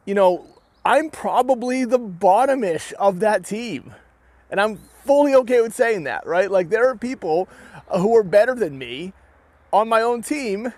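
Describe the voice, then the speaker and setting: Here a high-pitched young man, an armored combat fighter from New England with a New Hampshire accent, rants casually to camera. The earnest, rambling delivery is full of restarts and "right?" tags, captured in a dry recording.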